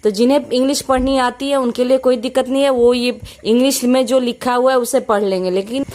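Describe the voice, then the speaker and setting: Indian woman slowly explaining English words. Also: high-pitched, steady tone, darkish tone. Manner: repeats and explains each phrase, reads English slowly word by word. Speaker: English teacher, channel host.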